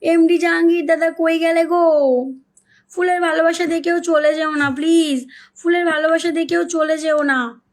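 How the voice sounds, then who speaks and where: On a casual live stream, a woman reads viewer comments aloud in an extremely high, flat voice at a moderate pace. She pleads with and coaxes her audience, repeating names and phrases over and over.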